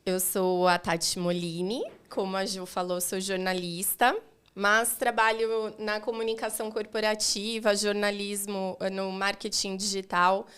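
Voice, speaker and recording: A woman's voice: mid-range voice, little pitch movement, a little slow, a bit bright, clear, resonant tone. A woman in her forties, a podcast guest, talking in a casual, reflective way. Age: 40s. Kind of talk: casual chat.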